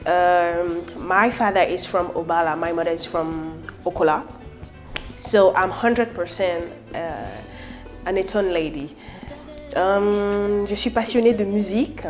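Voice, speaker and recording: A woman's voice: fairly low pitch, takes it slowly, faint music behind. A Cameroonian woman in her thirties, a musician introducing herself in an interview in a playful, chatty way, slipping between French and English. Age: 30s.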